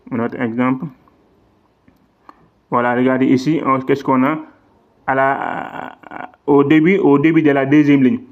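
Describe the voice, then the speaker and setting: A man teaching a lesson on Quran recitation rules, patiently repeating examples and drawing out the Arabic words. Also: medium pitch. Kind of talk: classroom-style lesson explaining tajwid rules. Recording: slightly dull, lo-fi sound.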